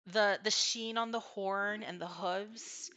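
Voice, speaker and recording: A woman narrating a tabletop fantasy game as game master, improvising haltingly as she thinks aloud. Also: medium pitch, fairly even intonation, a crowd in the background.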